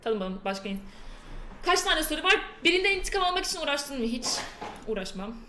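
Young female streamer, bright and slightly high voice, playful chat, echoey room. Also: very animated, fast talker, slight background noise. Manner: chatty, playful, reads quiz questions aloud to chat. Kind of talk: casual live-stream chat. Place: indoor room with a door that keeps slamming.

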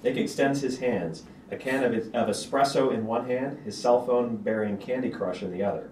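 This man reads stage directions as narrator during a table read held on a small auditorium's stage, his medium-pitched voice carrying a darkish tone at a moderate pace. Captured from afar, the audio sounds roomy, with noise in the background.

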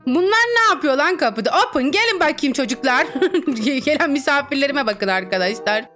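A woman's voice: sits high, animated, a little fast, pushed and bright. A young woman commentating her online game casually, giggling, teasing other players and reading the chat aloud in playful voices. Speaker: gaming streamer. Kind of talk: casual Roblox gameplay commentary. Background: background music.

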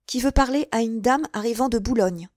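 A woman reader voicing a calm, formal convent mother superior in an audiobook. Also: a little high, fairly quick, no echo, clean studio sound, voice pushed up, lightly acted.

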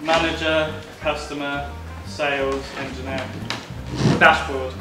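A man's voice: fairly high pitch, level tone, slow pace. A man giving short, casual answers as a contestant in a challenge. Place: office meeting room, indoors. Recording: distant, echoey room, loud music behind. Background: loud music.

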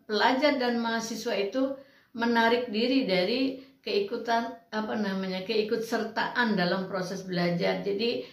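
A woman lecturer giving students patient, explanatory advice, with frequent fillers. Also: on the high side. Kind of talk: educational talk to students. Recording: roomy, distant mic.

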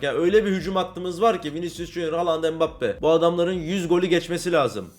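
Young guy chatting thru his football game, gets worked up, fairly high voice. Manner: excitable, talks to viewers, swings between cheer and grumbling. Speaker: gaming YouTuber. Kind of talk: casual career-mode commentary.

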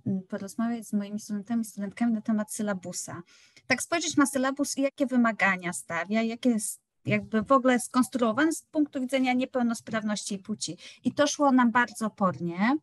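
A woman panelist with a high-pitched voice talks reflectively about her teaching. Her speech is hesitant and full of small fillers. The sound is dry and close. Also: normal speed, no echo. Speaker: academic panelist. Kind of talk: panel discussion.

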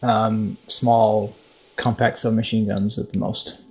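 A man leading a squad in a military game, giving an informal, halting mission briefing. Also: fairly low pitch, flat delivery, gravelly, slight background noise, low-quality recording.

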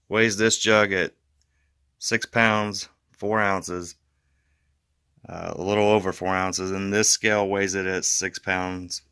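A man chats through a casual how-to for his fishing channel, rambling a little with fillers and restarts. His voice is fairly low and smooth, with a bright edge. The sound is dry and close, recorded on a phone indoors. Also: no echo.

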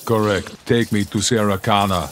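Game casting: a man voicing a smooth, too-even android killer with a lowish voice, flat and clipped, heard over noisy game audio. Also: moderate pace, close to an everyday voice. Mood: cold. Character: emotionless male cyborg killing machine. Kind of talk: video game dialogue.

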